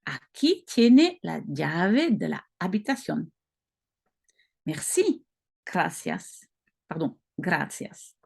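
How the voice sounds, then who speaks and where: Slow, careful Belgian French woman. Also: on the low side, very animated, vocal fry, darkish tone, slightly rough. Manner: slow, careful, self-correcting, explaining as she goes. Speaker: language-learning video host. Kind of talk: reading practice dialogue aloud.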